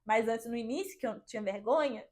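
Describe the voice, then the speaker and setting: High-voiced young woman telling stories. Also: fairly quick. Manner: lively storyteller, fills with "meio tipo assim". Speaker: guest. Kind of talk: casual chat.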